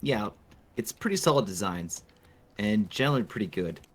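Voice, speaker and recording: A man co-hosting a casual video game review, speaking calmly and matter-of-factly. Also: fairly low pitch, moderate pace, husky. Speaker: co-host. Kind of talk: casual gameplay review chat.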